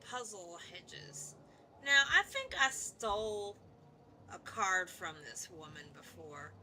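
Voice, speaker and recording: A woman's voice: mid-range voice, sing-song, slow, pushed and bright, slight background noise. A woman streaming a video game, chatting playfully and swearing casually while she reads along.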